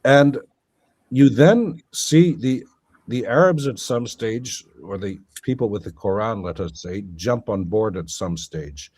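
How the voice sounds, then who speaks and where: Low-voiced man lecturing with restarts. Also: unhurried, a little mellow. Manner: lecturing, thinking aloud with many fillers and restarts. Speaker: guest scholar. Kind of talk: academic conversation.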